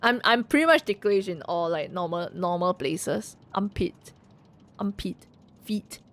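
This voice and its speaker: A woman's voice: on the low side, measured pace, a little hiss or hum. A woman streaming a game, reading its text aloud with giggly, playful asides to chat.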